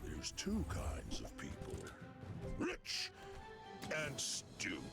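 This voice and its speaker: Gravelly, folksy old robot junk peddler. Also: male voice, fairly low pitch, huge pitch swings, slow pace, full character voice. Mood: scornful. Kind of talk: video game merchant voice lines. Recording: game music over voice.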